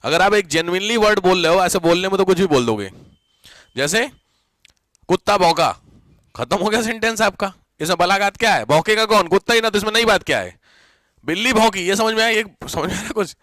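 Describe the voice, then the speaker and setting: High-voiced Hindi teacher checking understanding. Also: male voice, fairly bright tone, dry recording. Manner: keeps checking if students understood, repeats examples slowly; mixes English words into Hindi. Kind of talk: classroom lecture.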